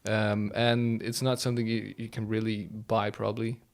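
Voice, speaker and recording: A man's voice: fairly low pitch, flat delivery, moderate pace, creaky. A man co-hosting a comedy podcast, making dry sarcastic quips in casual chat. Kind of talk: casual banter.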